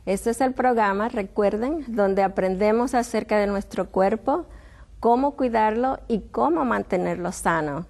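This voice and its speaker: Speaking at a measured pace, this middle-aged woman has a medium-pitched, darkish voice with vocal fry. As host of a television health program, she greets and interviews her guest warmly, with frequent hesitations and restarts.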